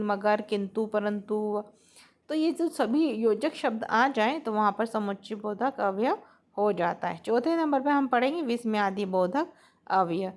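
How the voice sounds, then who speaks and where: A woman teaching a Hindi grammar lesson to students, explaining patiently and often checking that they follow. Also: on the high side.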